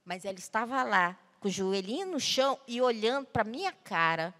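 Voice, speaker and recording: A woman, a guest speaker, telling a personal story to an audience, swinging between loud outbursts and hushed low tones. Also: animated, moderate pace. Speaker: guest speaker at a panel talk. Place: large hall at a cultural center. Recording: long hall reverb.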